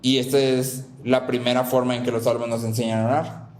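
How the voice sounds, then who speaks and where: A man's voice: mid-range voice, little pitch movement, fairly quick, darkish tone. Echoey man preaching a sermon. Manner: repeats key phrases, asks "¿sí?" to check in.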